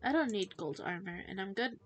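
A teenage streamer chats casually with her audience as she games, chatty and giggly, quick to laugh and easily distracted. Her mid-range voice is expressive, with faint music playing behind her.

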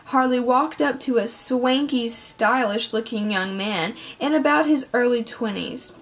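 A woman reading her own story chapter aloud in a lively, casual way. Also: on the high side, unhurried.

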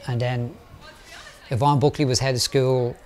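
Man, mid-pitched voice, relaxed storytelling, amused, faint background hum. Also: normal speed. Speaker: interviewee. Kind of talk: documentary interview.

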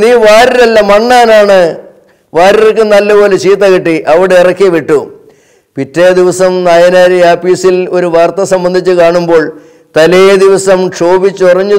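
An older man recalling old stories in vivid, anecdotal detail. His voice sits high for a man and sounds smooth and resonant. He tells it as a guest reminiscing. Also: darkish tone. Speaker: interview guest. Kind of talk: memoir storytelling.

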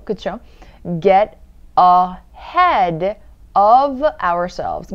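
A young Korean woman teaching English, explaining in Korean and reading English examples slowly and clearly for learners to repeat. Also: fairly low pitch, muffled recording. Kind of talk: online English lesson.

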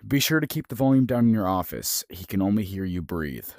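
A gaming YouTuber with a deep, darkish voice commentates casually on a horror game, very animated and fairly quick, swearing often, jumping at sudden scares and explaining the mechanics aloud. The recording is dry and studio quality.

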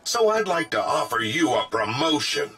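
A man's voice: a little high, big pitch swings, moderate pace, fairly bright tone, soft background music. A man voicing a formal male CEO robot in a video game, addressing the player. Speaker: game character.

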